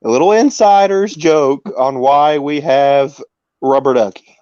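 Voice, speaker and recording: A man's voice: fairly high pitch, a little slow, warm tone, clear, resonant tone, no room sound, lo-fi sound. A man in his twenties hosting a casual chat, telling anecdotes and laughing through them. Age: 20s. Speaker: podcast host.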